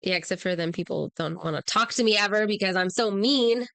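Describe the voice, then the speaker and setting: A woman's voice: mid-range voice, a little fast, gravelly, fairly bright tone, dry recording. A woman in her thirties co-hosting a podcast in casual chat, outspoken and emphatic. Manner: outspoken, emphatic, self-deprecating. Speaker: podcast co-host.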